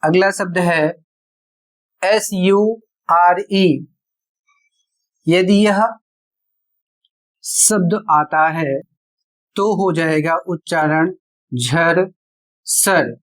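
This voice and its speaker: A very slow, medium-pitched voice with fairly even intonation and long pauses leads this spoken pronunciation lesson. The teacher spells words letter by letter, asks rhetorical questions, and works through each rule step by step, classroom style.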